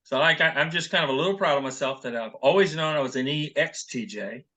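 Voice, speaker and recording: A man co-hosting a podcast chat, measured and storytelling, with occasional hesitations. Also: fairly high pitch, sharp tone. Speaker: podcast co-host. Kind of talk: casual panel chat.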